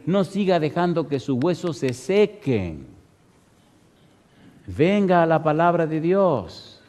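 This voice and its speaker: Emphatic preacher in a reverberant hall. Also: male voice, fairly high pitch. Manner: emphatic, animated, fond of rhetorical questions. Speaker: pastor. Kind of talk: sermon with storytelling.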